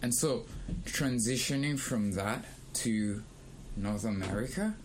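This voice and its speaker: A young man who grew up in Kenya, co-hosting a casual discussion and speaking in a thoughtful, measured way with pauses. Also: medium pitch, slight background noise. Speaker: podcast co-host.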